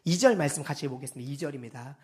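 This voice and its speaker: A pastor giving a Sunday sermon in a church, animated and acting out quoted speech. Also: mid-range voice, very fast.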